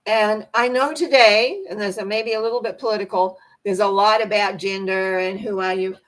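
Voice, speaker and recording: An older woman with a hoarse, croaky voice that cracks and needs clearing. She hosts a spiritual talk on personal growth, chatting in a loose, rambling manner. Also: medium pitch, fairly even intonation, normal speed, fairly bright tone, low-quality recording. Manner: rambling, conversational. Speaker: host.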